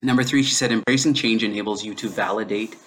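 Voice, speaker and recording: A lowish-voiced man talks fast as the host of a solo podcast, unscripted and thinking aloud. English is his first language, and he uses lots of fillers like "um" and keeps restarting mid-sentence. A little hiss or hum sits under the audio.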